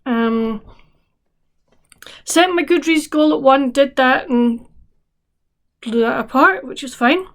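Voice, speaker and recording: A woman's voice: sits high, slow pace, long pauses. A woman chatting casually as a book vlogger, rambling with restarts and fillers, sounding tired. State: tired, yawning. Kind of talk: casual chat to camera.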